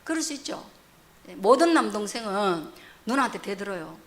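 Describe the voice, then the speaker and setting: A woman pastor preaching a sermon, asking rhetorical questions, rising loud and dropping to soft asides. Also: medium pitch, very animated, moderate pace.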